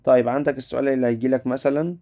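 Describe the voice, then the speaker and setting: A man with an Egyptian Arabic accent teaching an English vocabulary lesson, repeating each word slowly and answering his students' questions as if they had asked them. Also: medium pitch, steady tone, warm tone.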